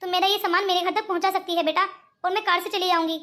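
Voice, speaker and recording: A woman's voice: extremely high pitch, fairly even intonation, fast, bright, forceful tone. A woman voicing a scheming rich old grandmother in a cartoon, speaking in a coaxing manner. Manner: coaxing, calls others 'beta'. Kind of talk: cartoon voice acting.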